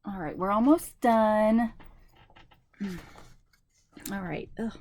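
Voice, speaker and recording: Slow-talking chatty woman. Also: mid-range voice, a little mellow, a little hiss or hum. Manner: chatty, thinking aloud, slow deliberate reading. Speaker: haul vlogger. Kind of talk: casual unboxing chat. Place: at home, at a table.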